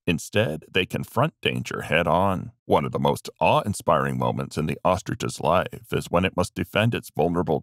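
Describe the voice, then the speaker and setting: A man with a very deep, gravelly voice narrates a wildlife documentary in a measured, dramatic way. His pitch swings widely for emphasis, and the recording is close and dry with no room sound. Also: a bit bright, dry recording.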